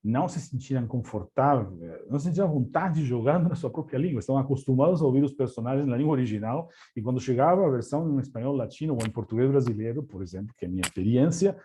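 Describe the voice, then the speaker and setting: A man's voice: medium pitch, lively intonation, fast, few pauses, warm tone. A man from Argentina, a native Spanish speaker with an Argentine accent, gives a webinar presentation, often hesitating, with many fillers and repeated words.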